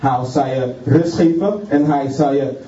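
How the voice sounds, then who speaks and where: His voice medium-pitched and warm, a man delivers a fervent, halting sermon, punctuating it with hallelujah and repeating words often. The sound is dull and roomy, as if captured from a distance.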